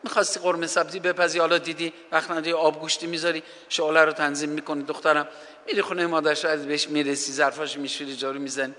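A man's voice: a little high, level tone, pushed and bright, in a large hall. A man from Iran preaching a sermon, fervent, posing rhetorical questions and reciting scripture in Arabic while addressing listeners as brothers and sisters. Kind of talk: sermon on family advice.

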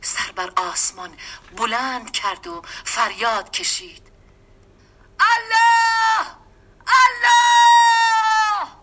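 A woman giving a dramatic storybook reading, often dropping into a hushed, half-whispered voice. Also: mid-range voice, husky. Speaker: story reader.

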